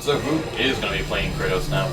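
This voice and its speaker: An excitable man chatting over a game playthrough, laughing often and tripping over repeated words. He sounds a bit far from the mic, with game music running underneath. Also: lowish voice, fairly quick. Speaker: let's play commentator. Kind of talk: casual group banter.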